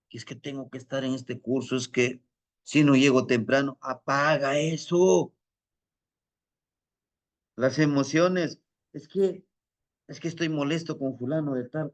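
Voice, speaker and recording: A man telling a spiritual teaching story in a calm, reflective way. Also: mid-range voice.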